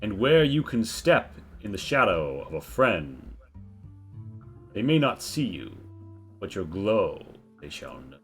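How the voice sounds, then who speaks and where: A man performs an ancient talking tree, a solemn guardian spirit of the land in a tabletop role-play. The low voice speaks slowly and gravely in stately, archaic phrases, with faint music underneath. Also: very animated, heavily acted. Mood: grave, knowing.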